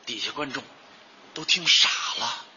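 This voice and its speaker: A man's voice: medium pitch, lively intonation, measured pace, pushed and bright, in a large hall, dull audio, a little hiss or hum. A man performing stage crosstalk comedy, mock-indignant and belting songs off-key.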